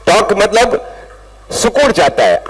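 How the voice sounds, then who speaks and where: Brief: middle-aged male workshop speaker, lively rising and falling pitch, slow deliberate delivery, faint hall ambience, drifts off mic. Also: a little hiss or hum. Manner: animated, calls out to audience, mixes English words. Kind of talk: interactive workshop talk to parents. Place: school event hall with audience.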